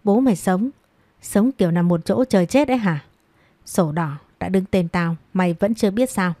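A woman's voice: mid-range voice, normal speed, warm tone, dry recording, natural voice. A woman voicing a cruel, scornful middle-aged stepmother who scolds harshly and taunts with contempt. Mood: scornful scolding.

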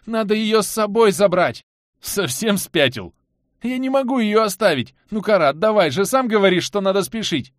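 A man's voice: high voice, big pitch swings, brisk, no room sound, clean studio sound, pitched above the performer's own voice. A man voicing a panicky, desperate young man who pleads frantically. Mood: pleading.

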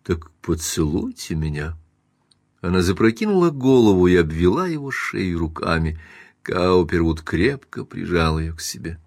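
Low-voiced male audiobook narrator. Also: normal speed, vocal fry, a little mellow, no echo, clean studio sound. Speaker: audiobook reader. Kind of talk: scripted narration of a classic novel.

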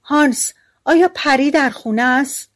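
A woman's voice: sits high, fairly bright tone, voice pushed up. A woman crying out as a panicked, bewildered young farm wife.

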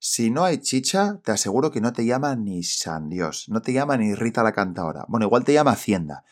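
A man's voice: on the low side, big pitch swings, a little fast. Congested, sepulchral man from Spain, podcasting. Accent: Spanish from Spain. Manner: colloquial, emphatic, rhetorical questions and slangy asides. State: congested with a cold. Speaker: podcast host and independent financial adviser. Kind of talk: solo podcast monologue, direct address to the listener.

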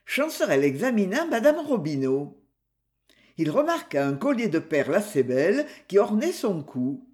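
A reader narrating a crime novel in a slow, expressive storytelling manner. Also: mid-range voice. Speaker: audiobook reader.

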